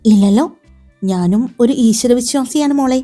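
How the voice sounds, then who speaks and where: Woman reading a playful young man in a romance story, teasing and bossy, soft low delivery, mellow voice, faint music behind. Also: moderate pace, lightly acted.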